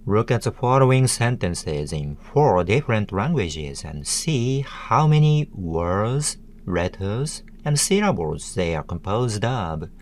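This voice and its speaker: A man narrating a language tutorial in a measured, deliberate way, breaking words into syllables. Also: on the low side, big pitch swings, darkish tone, a little hiss or hum. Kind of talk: slow instructional narration.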